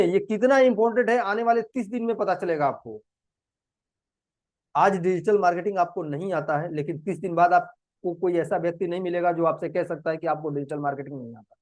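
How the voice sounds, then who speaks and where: A man's voice: high-pitched, darkish tone, no echo. A man teaching a live digital marketing class, explaining earnestly and repeating each step as he goes. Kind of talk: live screen-share class.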